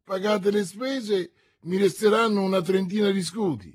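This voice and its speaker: A man voicing a boisterous, boastful musketeer who talks loudly and proudly in an audiobook. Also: high-pitched, normal speed, breathy edge, voice pushed up. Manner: loud, exclamatory, raised voice.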